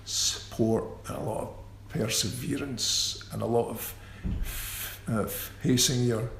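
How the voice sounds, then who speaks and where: Gravelly yet fairly bright, this man's mid-range voice stays steady as he gives a radio interview as a musician guest. He stammers, repeating sounds and restarting, and speaks slowly and thoughtfully in an echoey space with faint ambient noise.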